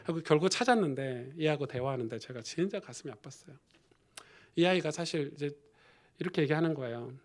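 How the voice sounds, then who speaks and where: Male pastor, sermon, somewhat high voice, conversational storytelling, loud bursts and hushed asides. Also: animated, quick pace. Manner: conversational storytelling, swinging between loud emphasis and hushed near-whispers.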